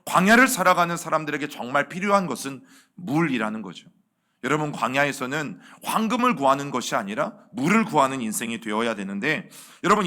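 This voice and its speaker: A man's voice: a little high, bright, forceful tone. A man preaching as senior pastor at a Wednesday evening church service, calling out to the congregation and asking them questions he then answers. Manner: addresses the congregation as "여러분" again and again, asks questions and answers them. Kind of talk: sermon.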